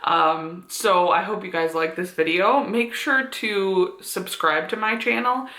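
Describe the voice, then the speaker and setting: A woman's voice: lowish voice, a little slow, a bit bright. A woman in her twenties, a beauty vlogger chatting casually to the camera with lots of fillers. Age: 20s. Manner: chatty, with frequent fillers and laughs. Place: room at home. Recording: echoey room.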